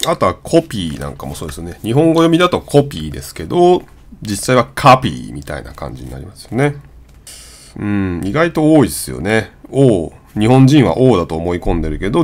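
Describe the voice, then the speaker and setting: A man's voice: sits low, very animated, brisk. A man whose first language is Japanese, casually teaching English pronunciation and drawing out vowel sounds as examples. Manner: demonstrates vowel sounds, repeating and drawing them out. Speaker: channel host.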